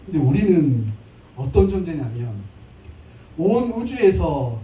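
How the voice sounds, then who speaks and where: Male preacher, thirties, high mellow voice, joking live sermon, distant echoey church mic, faint hum. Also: very animated, slow pace. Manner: playful, acts out little scenes and jokes. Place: church sanctuary.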